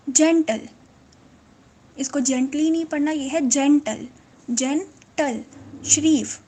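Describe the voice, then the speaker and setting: A woman teaching English vocabulary, repeating each word slowly and clearly. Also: high voice, dark tone. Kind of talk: vocabulary lesson.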